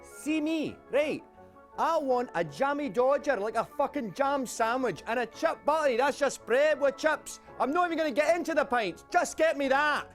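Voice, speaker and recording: A man's voice: extremely high pitch, expressive, moderate pace, faint music behind. A man putting on a crude, foul-mouthed voice, demanding food from a voice assistant. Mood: rowdy. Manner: crude, swearing, laughing.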